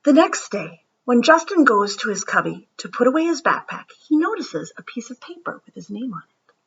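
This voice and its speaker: A woman reading a picture book aloud to children in an expressive, dramatic storyteller's manner with emphatic pauses. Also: fairly high pitch, breathy edge, highs cut off.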